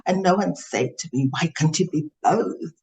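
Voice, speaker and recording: A woman's voice: deep voice, normal speed, darkish tone, low-quality recording. A middle-aged woman from Tanzania, an author speaking as a podcast guest in a reflective, thoughtful way with frequent fillers. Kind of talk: podcast interview.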